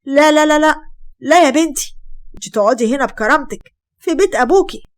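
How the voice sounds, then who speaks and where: A woman's voice: high voice, animated, fast talker, pitched above the performer's own voice. A woman voicing a caring, protective middle-aged Egyptian mother with a comforting tone.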